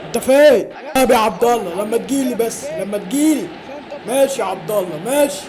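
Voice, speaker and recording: A woman's voice: on the high side, fast, darkish tone, lightly acted, poor audio. A woman voicing a strict, angry father who scolds his son, with music behind. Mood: stern. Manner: stern, scolding.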